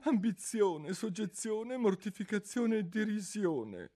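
A high, wavering, sighing Mock Turtle. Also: male voice, expressive, slow, dark tone, heavily acted. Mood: plaintive. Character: mournful old Mock Turtle, sighing and slow. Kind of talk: audiobook character voice.

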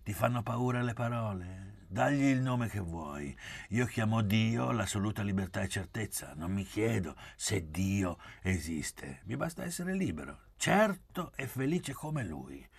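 Male reader's calm, stubborn young man, deep, husky and gravelly. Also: measured pace, full character voice. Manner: stubborn, quietly convinced.

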